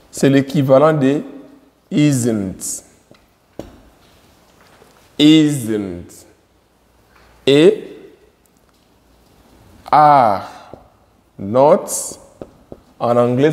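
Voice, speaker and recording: Man, English teacher, very slow drilling delivery, somewhat high voice, long room reverb. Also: a little mellow. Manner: drills words by repeating them slowly. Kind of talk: slow classroom explanation at a board.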